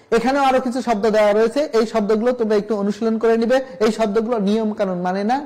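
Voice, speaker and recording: Man teaching a class, high voice, says words twice to show how not to say them, asks students questions. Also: darkish tone, rough recording. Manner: repeats example words to contrast right and wrong pronunciation; addresses students directly, asks rhetorical questions. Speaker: college Bengali lecturer. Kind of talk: recorded classroom lesson on pronunciation.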